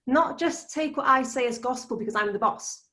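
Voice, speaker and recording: Welsh woman speaker, fairly high voice, earnest and persuasive, giving a prepared talk. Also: moderate pace, sharp tone. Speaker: conference speaker.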